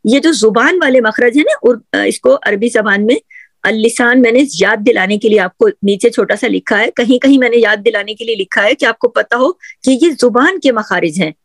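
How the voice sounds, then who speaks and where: A woman's voice: a little high, no echo. A woman teaching Quran pronunciation, patiently drilling letter sounds and often checking that her learners follow. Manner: repeats sounds for drilling, asks "theek hai?" often; gently encouraging, addresses female learners. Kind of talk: patient tajweed lesson on letter articulation.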